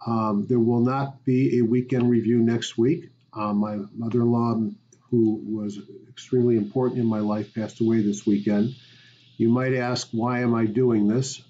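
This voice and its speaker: A man's voice: medium pitch, level tone, normal speed, mellow, dull audio, a little hiss or hum. A man, a stock market educator, hosting a weekly market review, talking conversationally and rambling with fillers.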